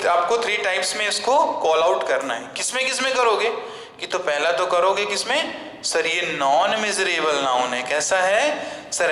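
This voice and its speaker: Male Indian English grammar teacher, slow and repetitive, self-answering drills, reverberant classroom recording. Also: high-pitched, bright, forceful tone. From central India. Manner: quizzes students and answers for them, repeating key terms. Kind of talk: online English grammar lesson. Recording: echoey room with long reverb.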